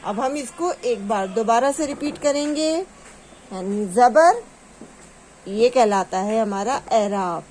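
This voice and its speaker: A woman teaching a children's reading lesson, explaining a sound and then drawing out each letter drill slowly. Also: a little high, lively intonation, a little mellow, slight background noise, rough recording.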